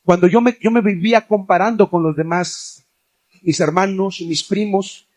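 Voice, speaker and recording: Male preacher with a high voice, delivering an impassioned sermon to youth that swells to forceful exhortation. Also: steady tone, normal speed. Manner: impassioned, builds to forceful near-shouting exhortation; addresses listeners directly as young people. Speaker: evangelist preacher.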